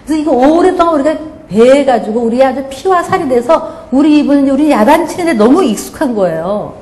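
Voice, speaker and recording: A woman's voice: sits high, brisk. A middle-aged woman pastor giving a sermon, telling stories and acting out scolding voices. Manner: animated storytelling, acts out scolding voices. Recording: echoey hall, faint background noise.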